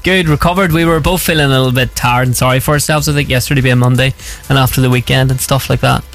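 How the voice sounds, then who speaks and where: A man's voice: mid-range voice, steady tone, fast, a bit bright. Upbeat man, morning radio DJ over music. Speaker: radio breakfast show host. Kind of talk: morning radio DJ banter, casual chat. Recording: music playing under the voice.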